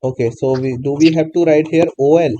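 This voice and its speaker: A man's voice: fairly high pitch, steady tone, a little fast, mellow, lo-fi sound. A man teaching a live online coding class, repeatedly asking students to answer. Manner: prompts students repeatedly, non-native English phrasing. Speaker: programming teacher.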